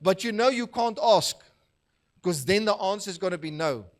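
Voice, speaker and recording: A man with a notably high voice delivers a sermon. He talks to the congregation in a relaxed storytelling way, pausing to ask for the next verse on screen. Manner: conversational storytelling, laughing at his own anecdotes; asks the slide operator for the next verse. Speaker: pastor.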